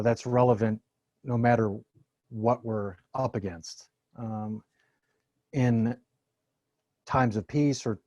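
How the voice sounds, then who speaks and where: Slow, mellow man addressing an online audience. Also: medium pitch, no room sound. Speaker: dharma talk speaker. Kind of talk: informal online dharma talk to a gathered group. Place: online meeting from the San Francisco Bay Area.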